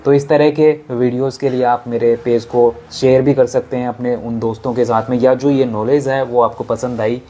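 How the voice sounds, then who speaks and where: Male channel host, warm mellow tone, casual outro to viewers. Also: medium pitch, level tone, moderate pace, hardly any pauses. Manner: casual, direct address to viewers. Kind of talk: outro asking for likes and follows.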